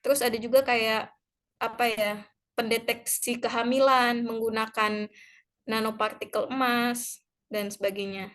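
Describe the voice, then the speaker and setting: A young woman from Indonesia with a fairly high voice talks casually about her graduate studies over a video call. She rambles with lots of fillers and little laughs, relaxed and chatty. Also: a little slow. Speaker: graduate student sharing her study experience. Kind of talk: casual online talk.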